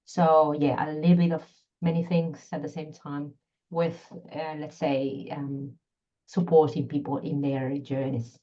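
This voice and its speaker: A middle-aged Peruvian woman, a scientist and constellation facilitator, is a guest on a podcast, thoughtfully explaining her work in a Peruvian Spanish accent and often searching for words. Her deep, warm voice keeps a level tone at a measured pace. The audio sounds dull.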